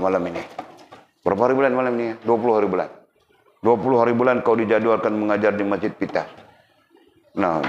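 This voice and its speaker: A man giving a religious lecture, teasing and addressing his audience directly. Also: mid-range voice. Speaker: religious teacher. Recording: roomy, dull lo-fi, faint background noise.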